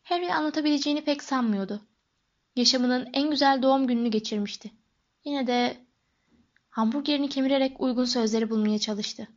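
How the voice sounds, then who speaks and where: A woman narrates an audiobook in an even, measured storytelling manner. Her voice sits fairly high. The recording sounds dull and lo-fi.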